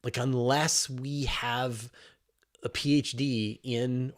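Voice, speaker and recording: A slightly mellow, medium-pitched man who works as a journalist hosts a live science question show. Reading questions and answering off the cuff, he speaks casually and emphatically, often rephrasing mid-thought.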